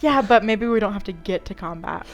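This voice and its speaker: A woman's voice: medium pitch, lively intonation, brisk, muffled recording. A woman playing a tabletop game, giggly and eager. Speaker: player. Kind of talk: casual tabletop play.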